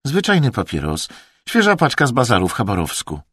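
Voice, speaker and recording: A man voicing a curt, gruff male expedition leader who talks in clipped, sharp phrases. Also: medium pitch, huge pitch swings, a little fast, no echo, studio quality, pitched above the performer's own voice, heavily acted.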